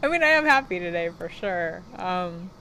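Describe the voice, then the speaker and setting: Woman doing a candid self-help influencer chat, kinda low voice, outside w some background noise. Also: lively intonation, normal speed, bright, forceful tone, rough recording. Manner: self-help influencer talk, candid and personal, frequent laughing asides. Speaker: self-help vlogger who gives coaching sessions. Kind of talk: casual confessional self-help video chat. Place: outdoors on a wooden deck. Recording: clear outdoor background noise.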